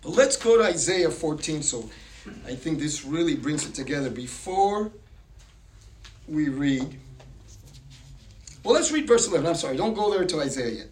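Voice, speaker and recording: A man teaching a Bible study group in a casual way, reading verses aloud and acting out a story with lively voices. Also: a little high, moderate pace, pauses often, reverberant, recorded from a distance, slight background noise. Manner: animated, acts out quoted voices in a story.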